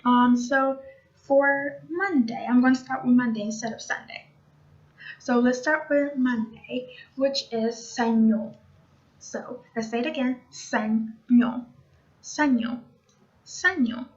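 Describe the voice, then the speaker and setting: A young woman giving a casual online language lesson, chatting to viewers and repeating each word slowly for learners. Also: sits high. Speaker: language teacher. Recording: dull lo-fi recording.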